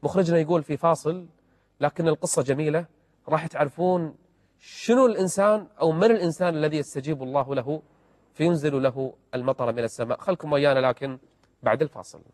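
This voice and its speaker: A man preaches through stories on a call-in religious show, fervent and emphatic. His voice sits high and runs fast. The studio sound is dry up close but trails off in a long reverb. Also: darkish tone. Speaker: religious TV host, sheikh.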